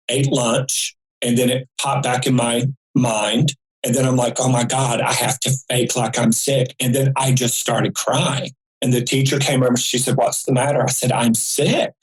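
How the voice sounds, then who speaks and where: A man, a guest telling a story in an animated, folksy way. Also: medium pitch, poor audio. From rural North Carolina. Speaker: psychic guest. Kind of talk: storytelling interview.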